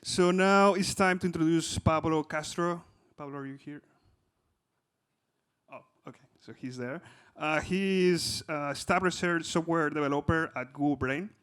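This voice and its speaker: A man's voice: a little high, measured pace, fairly bright tone, clean tone. A man hosting a conference, introducing the next speaker hesitantly with many uhs. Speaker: event host.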